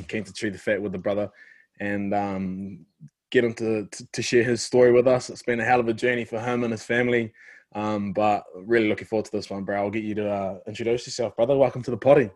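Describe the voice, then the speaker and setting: A man's voice: lowish voice, fairly even intonation, fast, a little mellow. A man hosting a podcast, chatting in an upbeat, slangy way and hyping up his guest. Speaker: podcast host. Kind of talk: casual chat.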